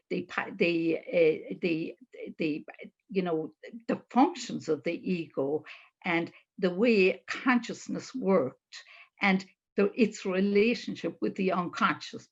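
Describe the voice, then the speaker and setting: Halting older Irish woman, dull recording. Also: medium pitch. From Ireland. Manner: halting, searching for words with repetitions. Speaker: speaker on myth and Jungian psychology. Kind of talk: informal lecture, unscripted storytelling of ideas.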